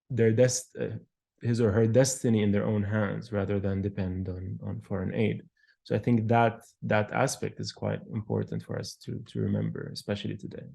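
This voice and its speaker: A man in his thirties from Palestine, an architectural historian, answering interview questions in a thoughtful, measured way with frequent pauses and fillers. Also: lowish voice, gravelly, warm tone. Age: 30s.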